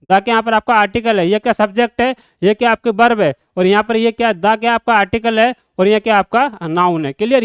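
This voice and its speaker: A man's voice: high voice, clean tone, no echo. A man with a Hindi accent teaching a grammar lesson, asking students question after question and repeating each answer. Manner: repetitive drilling questions to students. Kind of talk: classroom lecture.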